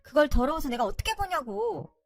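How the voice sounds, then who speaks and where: A woman's voice: sits high, very animated, brisk, vocal fry, pitched above the performer's own voice, exaggerated voice. Woman doing a whiny spoiled older sister.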